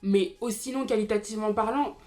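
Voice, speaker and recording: A woman's voice: mid-range voice, steady tone, brisk, a little mellow. A woman in her twenties chatting casually to viewers about TV series, with frequent fillers and asides. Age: 20s. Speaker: YouTube TV series commentator. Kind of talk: casual explainer vlog.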